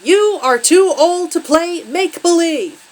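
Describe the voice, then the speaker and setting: Lady yelling as a mean stern dad, loud and furious, voice jumping way up. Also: very high voice, expressive, measured pace, voice pushed up. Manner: shouting angrily. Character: cruel, stern father in a creepy kids' show.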